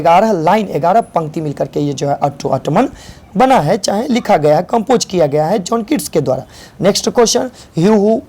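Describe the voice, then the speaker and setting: A woman's voice: medium pitch, mellow. A woman teacher, going through exam questions and explaining each term, asking and answering her own questions.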